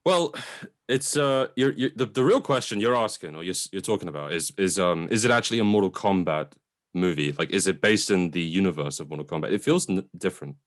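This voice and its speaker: On a film review podcast, a male co-host debates in a casual, argumentative and informal way. His low voice is expressive and brisk.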